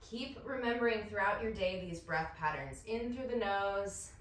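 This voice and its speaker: A woman's voice: mid-range voice, lively intonation, normal speed, a bit bright, distant mic, slight background noise. A woman leading a pilates workout, cheering and counting reps while out of breath. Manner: upbeat coaching with counting and cheers. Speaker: pilates instructor. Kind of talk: cueing a workout class. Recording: roomy echo, voice from off the mic.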